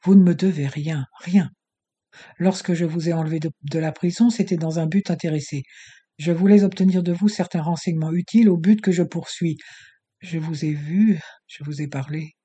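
A man voicing a courteous, composed gentleman in an audiobook, speaking with measured politeness. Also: fairly high pitch, slightly rough. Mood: earnest. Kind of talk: audiobook character reading.

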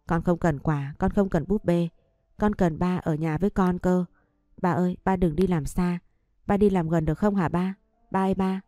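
Low, mellow woman narrating a sad story. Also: no room sound, studio quality. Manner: sorrowful, heartfelt telling. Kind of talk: scripted first-person story narration.

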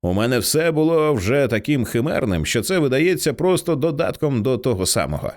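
A male narrator lightly puts on an edgy teenage girl in an audiobook, mocking and blunt, swearing offhandedly. The voice swings widely in pitch, rising high on her jabs. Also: sing-song, fairly quick, close to an everyday voice. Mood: wry, anxious. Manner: blunt, sarcastic, swears casually. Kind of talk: audiobook reading.

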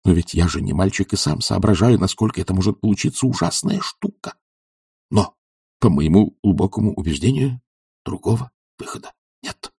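A man's voice: deep voice, expressive, moderate pace, vocal fry, mellow, breathy edge, no echo, clean studio sound, heavily acted. A man voicing an earnest, devoted young doctor who pleads passionately and drops to urgent whispers.

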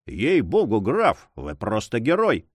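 A man voicing an excitable, proud older landowner who keeps exclaiming, in an audiobook. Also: medium pitch, slow, breathy edge, no echo, clean studio sound, heavily acted. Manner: exclaiming, eager.

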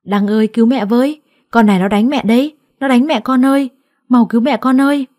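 A woman's voice: fairly quick, dark tone, no room sound, studio quality, close to an everyday voice. Spiteful scolding mother, as a woman narrator puts her on. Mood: shrieking. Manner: scornful, shrill scolding. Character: harsh, spiteful older woman, the adoptive mother.

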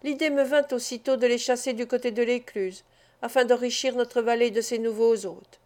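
A woman's voice: a little high, steady tone, normal speed, a little mellow, lightly acted. A woman reading the part of a bold teenage boy recounting a hunt in an audiobook. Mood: proud. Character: bold teenage boy, eldest son, keen hunter.

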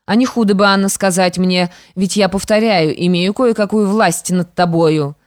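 A woman's voice: medium pitch, steady tone, moderate pace, no room sound, studio quality, close to an everyday voice. A woman voicing a scheming young widow, a stepmother who sounds falsely sweet and menacing. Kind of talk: audiobook character reading.

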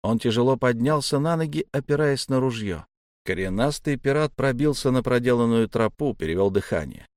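A man giving a measured, tense first-person audiobook narration. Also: medium pitch, lively intonation, a little mellow, no room sound, clean studio sound.

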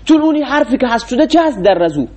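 A man's voice: very high-pitched, big pitch swings, darkish tone. A man teaching a classroom lecture, explaining rules and quizzing his students with frequent questions.

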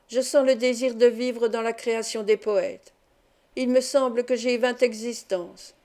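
Eager young actor in love, dreamy; a woman reads him in her own voice. Audiobook, mellow tone. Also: on the high side. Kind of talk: audiobook reading.

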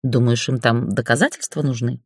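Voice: mid-range voice, fairly even intonation, moderate pace, breathy edge, no room sound, studio quality, pitched below the performer's own voice. A narrator voicing a young female office accountant in an audiobook, pleading and then standing up to her boss. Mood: defiant. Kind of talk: audiobook character voice.

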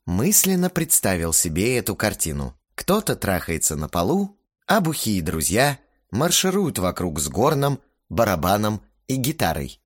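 Male narrator, amused and wry, lively delivery, dry booth. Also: on the low side, normal speed, breathy edge, no echo. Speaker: audiobook narrator. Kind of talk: audiobook reading.

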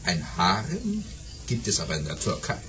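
An actor playing a boastful, excitable baron telling tall tales in a radio play, bombastic and repeating words for emphasis. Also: male voice, sits low, normal speed, heavily acted. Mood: boastful, excited.

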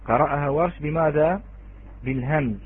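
Husky-voiced man teaching over a tinny line. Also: on the high side. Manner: slow, repeats key words, addresses students directly. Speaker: Quran recitation teacher. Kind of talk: online lesson on Quranic readings. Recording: tinny phone-like online call.

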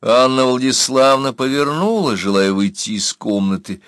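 A male narrator reads an audiobook in a measured, storytelling way. His voice sits at an ordinary middle pitch for a man. The recording is dry and close. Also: a bit bright, smooth, dry recording. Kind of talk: scripted narration.

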